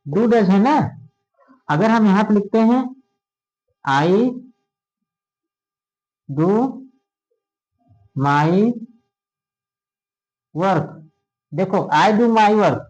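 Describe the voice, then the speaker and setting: Male grammar teacher, high voice, muffled lo-fi recording, keeps checking the class follows. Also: animated, drawn-out words, pauses often, darkish tone. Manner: checks often if students understand. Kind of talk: classroom lesson. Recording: dull lo-fi sound.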